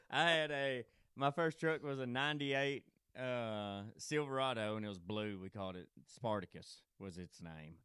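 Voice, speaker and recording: A man's voice: medium pitch, unhurried, sharp tone, clean tone, no room sound, clean studio sound. A man hosting a podcast, talking in a rambling way and laughing easily. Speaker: podcast host. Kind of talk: casual chat. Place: podcast studio.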